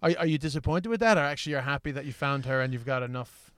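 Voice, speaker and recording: A man's voice: mid-range voice, racing, a bit bright, clear, resonant tone, dry recording, studio quality. A man with an Irish accent interviewing casually and informally, often interjecting as he listens.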